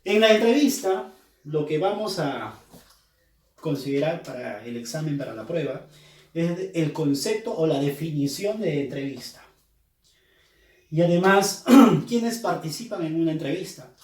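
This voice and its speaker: A man's voice: a little high, animated, unhurried, darkish tone. Man teaching in an echoey room. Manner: patient, explanatory, repeats key terms. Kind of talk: recorded review lesson. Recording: roomy echo, mic at a distance.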